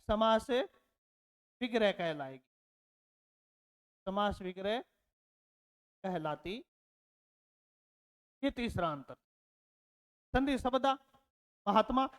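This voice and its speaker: A man's voice: very high-pitched, clear, resonant tone, in a large hall. A man teaching a lesson, repeating his words and asking rhetorical questions, calling his learners children. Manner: addresses learners fondly as children. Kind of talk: classroom lecture.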